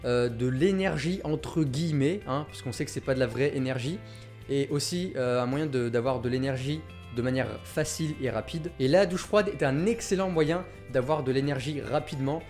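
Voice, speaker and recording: A man's voice: mid-range voice, normal speed, a little mellow, faint music behind. A man hosting a health video, talking directly and enthusiastically to his viewers. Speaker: health YouTuber. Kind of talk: energetic video monologue.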